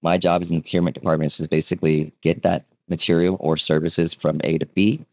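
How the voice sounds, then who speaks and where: A man in his thirties who was born in Vietnam, a real estate agent speaking as a guest in a casual interview, relaxed and conversational with many fillers and a habit of asking "right?". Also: sits low, quick pace, no room sound, studio quality.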